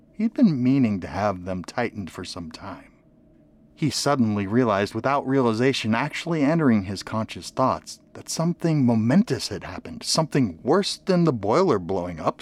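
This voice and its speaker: Hushed man narrating a grim story. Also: lowish voice. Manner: hushed, often dropping to a near whisper. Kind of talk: dramatic audiobook narration.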